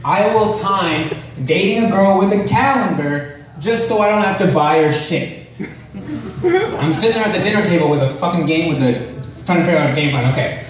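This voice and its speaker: Echoey, distant young male stand-up comic, higher-pitched. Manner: rambling, halting, self-deprecating; profane, casual. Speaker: stand-up comedian. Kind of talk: stand-up comedy routine at an open mic. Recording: very echoey room, distant mic, faint noise.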